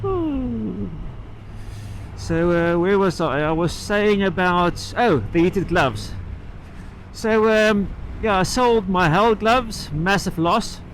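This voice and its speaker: Male moto vlogger, slightly high voice, rambling and halting, recorded inside a helmet over light road and engine noise. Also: a bit bright, rough recording. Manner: halting, trailing off and picking the thread back up. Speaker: motorcycle vlogger. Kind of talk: casual rambling vlog chat while riding. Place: inside a helmet on a moving motorcycle outdoors. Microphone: microphone inside the helmet.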